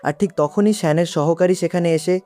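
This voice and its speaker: A man narrates a drama recap in a steady scripted read, voicing all the characters' lines in his own voice. His voice sits a little high for a man. Faint music runs beneath him. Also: fairly quick. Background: background music.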